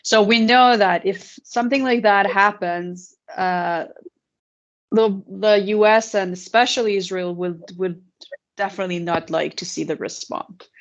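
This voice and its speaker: A woman's voice: medium pitch, steady tone, measured pace, dull audio. A woman from Iran, speaking as a guest in a casual political chat, hesitating often and using many filler words.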